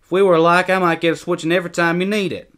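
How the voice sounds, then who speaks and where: Voiced by a man, this storybook boy is excitable and shrill, speaking very fast in a taunting, exclaiming manner. He's bickering with his brother out in the woods.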